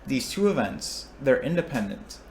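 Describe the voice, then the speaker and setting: A young man, a recitation instructor, explains a probability lesson at normal speed in a medium-pitched, sing-song voice. He thinks aloud, restarts, and checks in with his audience. The recording carries a little hiss or hum.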